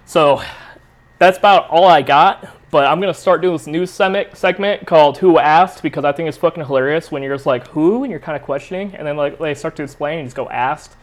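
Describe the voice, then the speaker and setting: A man's voice: fairly high pitch, fast talker. A young man hosting his own podcast, telling a rambling, profane, self-mocking story in casual chat. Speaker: podcast host. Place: San Diego area.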